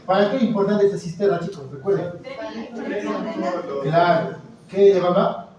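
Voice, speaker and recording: A man's voice: sits high, normal speed, muffled recording, a crowd in the background. Man quizzing students in an echoey hall. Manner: quizzing, encouraging, frequent "muy bien" and "¿ya?". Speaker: anatomy lecturer. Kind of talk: classroom lecture with questions to students. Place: lecture classroom. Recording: echoey lecture hall, mic far off, students audible. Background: students murmuring and answering.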